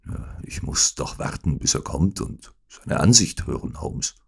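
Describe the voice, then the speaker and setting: A man's voice: extremely low pitch, lively intonation, a little slow, gravelly, breathy edge, heavily acted. Man reading an earnest loyal doctor friend. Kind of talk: audiobook acting.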